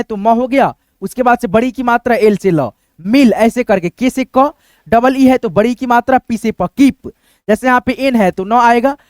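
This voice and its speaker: A man's voice: extremely high pitch, no room sound, studio quality. A man teaching an online pronunciation lesson, spelling words letter by letter and often checking in with "friends" and "right?".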